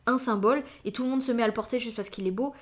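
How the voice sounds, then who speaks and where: A woman's voice: fairly high pitch, very fast. Chatty woman hosting a podcast, hesitant. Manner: hesitant, many fillers and slang tags; opinionated, thinking aloud. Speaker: podcast host. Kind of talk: casual solo podcast talk.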